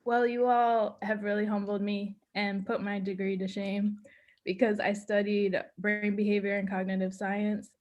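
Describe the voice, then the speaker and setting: A woman's voice: mid-range voice, flat delivery, moderate pace, darkish tone, muffled recording. A woman sharing thoughts in a casual group discussion, chatty and leaning on "like" as she talks. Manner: chatty, leans on "like". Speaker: class participant with a cognitive science degree.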